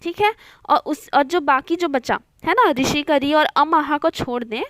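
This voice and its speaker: A young woman with a high voice teaches an online Hindi grammar lesson, and the recording is close and dry. She explains patiently, often checking in with her listeners, and mixes English words into her Hindi. Her delivery is steady and repetitive, as in a classroom. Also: moderate pace, no echo. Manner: patient, repeats points with frequent "theek hai" checks.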